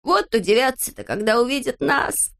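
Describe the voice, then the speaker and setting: Figure: excitable boyish shorty voiced by a woman. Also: fairly high pitch, moderate pace, vocal fry, voice pushed up. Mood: excited. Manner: eager, exclaiming, boastful. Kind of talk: storybook character voice.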